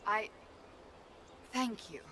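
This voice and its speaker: A woman's voice: medium pitch, drawn-out words, sharp tone, slight background noise. An actress playing a stern woman warrior who eagerly begs for the rest of a story, in video game dialogue.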